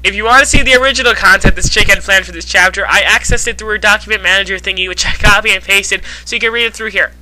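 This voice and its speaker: A woman's voice: medium pitch, fast, few pauses, pushed and bright, rough recording. A young woman reading bad fanfiction aloud in a mocking, dramatic way, giggling, exasperated, and dropping into silly character voices. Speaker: fanfiction reader.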